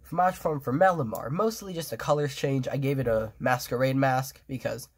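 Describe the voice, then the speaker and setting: A fan artist with a blocked nose talks in a mid-range, darkish, slightly breathy voice at a normal speed, sniffling as he shows off his drawings. His words come out thick and nasal, and his casual show-and-tell rambles with restarts and fillers. It sounds like a phone propped over a tabletop indoors.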